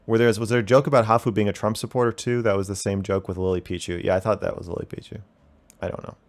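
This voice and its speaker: A young man with a fairly low voice talks casually on a livestream. He answers chat in a defensive, rambling way and swears often. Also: steady tone, quick pace. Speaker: call-in show host reading chat.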